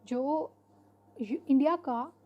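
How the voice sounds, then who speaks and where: A woman's voice: high voice, takes it slowly, muffled recording. A woman teacher giving an online lecture, explaining steadily and mixing English terms into her speech with frequent fillers.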